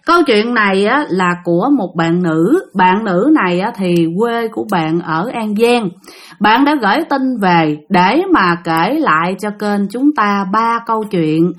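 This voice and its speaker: A woman with a Southern Vietnamese accent telling ghost stories sent in by listeners, casual and animated, talking straight to her audience. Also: medium pitch. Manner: animated, addresses listeners directly, acts out dialogue. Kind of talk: casual spoken storytelling.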